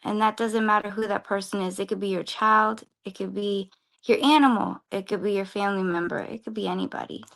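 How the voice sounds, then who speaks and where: Woman guest on a podcast, bright ringing voice, gets excited acting out conversations. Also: mid-range voice, a little fast, vocal fry. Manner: excitable, acts out quoted dialogue. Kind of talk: casual interview chat.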